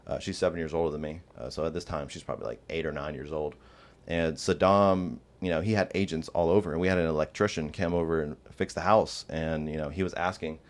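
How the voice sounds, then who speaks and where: A man in his twenties, born in Iraq and raised in Georgia, USA, tells his life story as a podcast guest with a light Southern American accent. His bass voice is steady and fast, and he rambles, laughs often, and fills his speech with "like."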